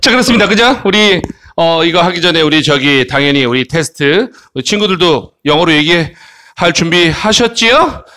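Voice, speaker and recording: Male kids' English teacher, high bright voice, coaxing, keeps checking in. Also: lively intonation, moderate pace. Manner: coaxing, frequent tag questions. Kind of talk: online English lesson for children.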